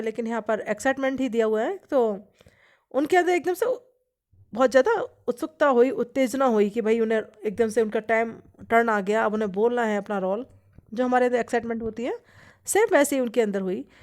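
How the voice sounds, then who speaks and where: A woman teacher, reading a story line by line and explaining each part in Hindi. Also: on the high side. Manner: reads English lines slowly, then explains in Hindi. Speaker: English teacher.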